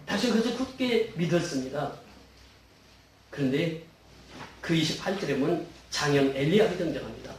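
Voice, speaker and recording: A man's voice: on the high side, animated, fairly quick, pauses often, slight background noise. A middle-aged male pastor preaching a sermon in a church, putting emphatic questions to the congregation and leading scripture reading. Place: church sanctuary. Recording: echoey hall, mic at a distance.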